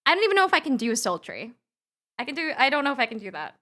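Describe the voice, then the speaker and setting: A woman livestreams into a close desk mic, chatting with viewers in a giggly, rambling style, laughing often and starting her sentences over. Her high-pitched voice is very animated, rapid-fire, pushed, and bright.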